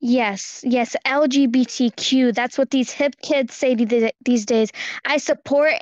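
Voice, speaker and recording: Overprotective, out-of-touch dad voiced by a woman for amateur roleplay: high pitch, rambling delivery, lo-fi dry sound. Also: steady tone, no echo. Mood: proudly clueless. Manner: halting, rambling, repeating phrases. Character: doting overprotective dad, clueless about trends, eager to seem hip.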